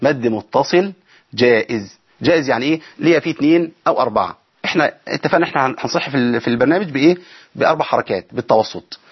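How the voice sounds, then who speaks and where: With an expressive, breathy, medium-pitched voice, this Egyptian man races through a broadcast tajweed lesson from a studio, the recording missing its high end. Rule by rule he explains the recitation, asking his audience rhetorical questions throughout.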